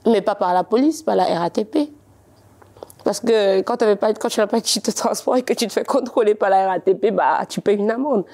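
A young woman from Cameroon with a slightly faded Cameroonian French accent, a guest telling her story in a lively, teasing and insistent way. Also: medium pitch, fairly quick. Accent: Cameroonian French, partly faded. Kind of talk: casual interview talk.

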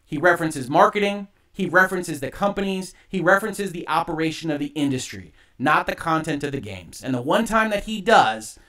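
A man hosting an online show, giving emphatic, argumentative opinion commentary in deliberate phrases, with echo on his livestream audio. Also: on the high side, lively intonation, sharp tone.

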